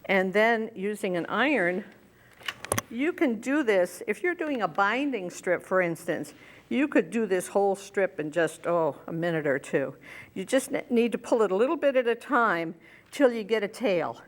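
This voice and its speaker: A woman's voice: medium pitch, expressive, normal speed. An older woman hosting a quilting show, explaining each step as she works with her hands. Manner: friendly step-by-step explaining, talking while working. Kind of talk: hands-on sewing demonstration.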